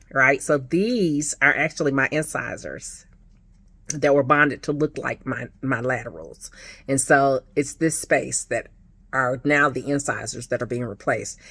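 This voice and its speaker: A woman's voice: extremely low pitch, fairly bright tone, breathy edge. A woman vlogging casually about her new teeth, effusive and chatty, with a slight lisp. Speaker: customer sharing her experience. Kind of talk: casual selfie vlog.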